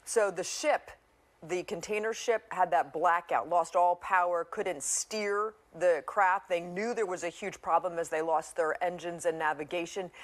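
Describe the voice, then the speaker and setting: A woman news anchor presenting live news in a partly conversational style. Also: fairly low pitch.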